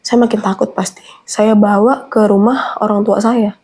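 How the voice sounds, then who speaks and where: A woman's voice: mid-range voice, steady tone, moderate pace, darkish tone, slightly rough. A young adult woman telling a personal horror story in an earnest, anxious way. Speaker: guest storyteller.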